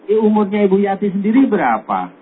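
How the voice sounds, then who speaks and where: A man, an Islamic preacher, giving gentle advice to a caller on a radio call-in, sometimes joking lightly. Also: sits high, sing-song, quick pace, slight background noise. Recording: tinny lo-fi radio broadcast.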